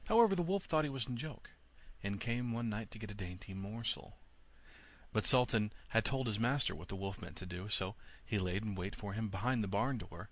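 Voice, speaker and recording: A man with a voice on the low side narrates a scripted fairy tale as an audiobook, in an expressive, measured storytelling manner.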